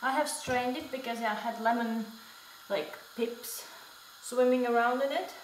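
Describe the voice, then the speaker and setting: In an echoey home kitchen full of dish clatter and a slight hiss or hum, a young homestead vlogger talks while she works at a measured pace. Her voice is a little high, and she chats casually, correcting herself along the way.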